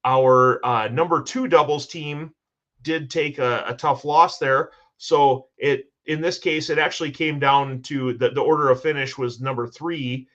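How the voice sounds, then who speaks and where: A man's voice: medium pitch, steady tone, unhurried, a bit bright, lo-fi sound. A man hosting a casual sports podcast, talking in an enthusiastic, rambling way with many restarts as he recaps match scores. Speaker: host.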